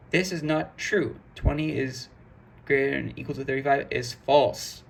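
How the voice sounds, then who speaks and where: A programming instructor with a medium-pitched, fairly bright voice and vocal fry gives a casual, screen-recorded coding lesson. He talks through the code step by step in a chatty way.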